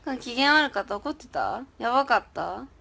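A woman's voice: fairly high pitch, sing-song, moderate pace, vocal fry, sharp tone, slightly rough. Chatty young woman, giggly livestream talk. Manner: chatty, giggly, reads and answers viewer comments. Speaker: idol livestreamer. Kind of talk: casual livestream chat.

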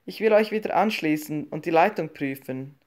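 A woman's voice: low-pitched, expressive, normal speed, a little mellow. A woman voicing a blunt, matter-of-fact male gas company worker. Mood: brusque.

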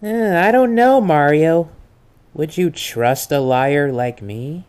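An actor playing a mischievous young trickster and liar in an amateur comedic role-play, coy and teasing with drawn-out feigned innocence. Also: male voice, a little high, a little mellow, clear, resonant tone.

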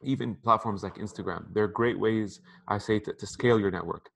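A man in his thirties, an interview guest in an apartment room by a window, gives casual advice over a video call through a headset, chatting conversationally and often repeating words. His creaky voice is on the low side, a little fast, and a bit bright.

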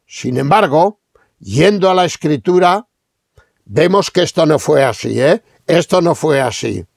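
A middle-aged man from Spain preaching a sermon, reading Scripture slowly and emphatically with rhetorical questions. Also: a little high, lively intonation, gravelly, no echo, clean studio sound.

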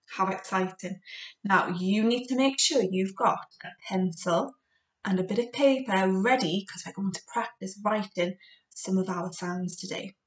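A young woman teaching phonics to small children in an encouraging way, modelling single speech sounds deliberately and giving simple, direct instructions. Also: mid-range voice, fairly bright tone, recorded from a distance. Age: young adult. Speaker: primary school phonics teacher. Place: domestic kitchen, indoors. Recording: roomy, echoey home recording.

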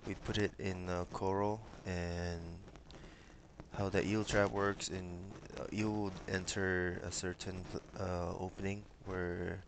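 A young man from Micronesia answering interview questions over a headset on a video call, hesitant and pausing with many fillers. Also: sits low, level tone, slight background noise. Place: small room with bookshelves, indoors.

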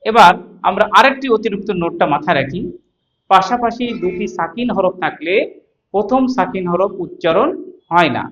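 A man teaching Quran reading, patiently sounding out each syllable several times in a slow spoken lesson with a Bangladeshi Bengali accent. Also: sits high, fairly bright tone, highs cut off.

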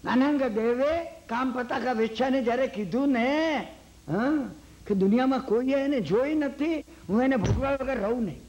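A man's voice: very high-pitched, normal speed, muffled recording. A man giving a Jain sermon in a Gujarati accent. He tells a long story, acts out the characters' lines and keeps asking his listeners if they follow. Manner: lively storytelling, acts out quoted lines, asks the hall "samjya ne?". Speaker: Jain lecturer.

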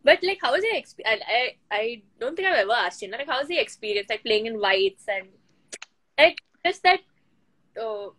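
A woman's voice: fairly high pitch, very animated, normal speed, a bit bright, dry recording, low-quality recording. A woman in her twenties with an Indian accent chats casually and teasingly as she hosts a live video call. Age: 20s. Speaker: host of a live video chat reading questions. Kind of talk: casual chat. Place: indoors at home. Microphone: video call on a phone or laptop.

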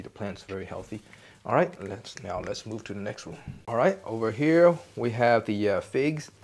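A man hosting a casual tour of his basement greenhouse, explaining plants in a relaxed, rambling way full of restarts and fillers. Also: fairly low pitch. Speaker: gardening channel host. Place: indoor basement greenhouse under grow lights.

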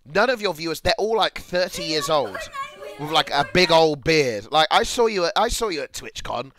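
A young man, streaming casually, excitable and profane, rambling between asides. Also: a little high, moderate pace, background noise. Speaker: livestreamer. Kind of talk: casual livestream reaction chat.

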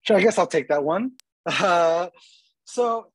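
A man's voice: sits high, lively intonation, unhurried, breathy edge, no room sound. A man presenting at a webinar and answering questions, in a loose, hesitant way with many fillers.

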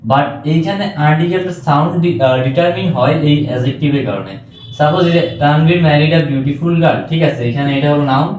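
A man with a Bangladeshi Bengali accent giving an exam-prep English lecture, often checking whether students have understood. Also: on the high side. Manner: keeps asking students if they understood. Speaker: English teacher. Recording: echoey room.

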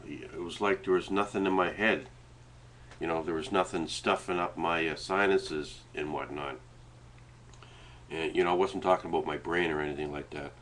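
A man's voice: low-pitched, steady tone, normal speed, a bit bright, slight background noise. A middle-aged man with a Canadian Maritime accent and a stuffed-up nose, rambling hesitantly in a casual webcam chat at home. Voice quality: congested, stuffed-up nasal sound. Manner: rambling, hesitant, sometimes talking while eating. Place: small indoor room at home. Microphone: webcam setup at desk distance.

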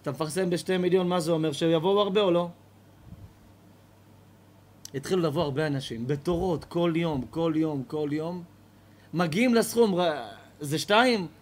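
A man's voice: on the high side, long pauses, darkish tone. A man, a rabbi, giving a storytelling lesson to a live audience, repeating phrases as he tells it.

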